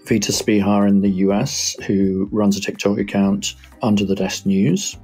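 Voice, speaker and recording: A man speaking as a media researcher guest, explaining trends in a measured, analytical way with frequent asides. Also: on the low side, steady tone, warm tone, slightly rough, faint music behind. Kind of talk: explanatory interview answers.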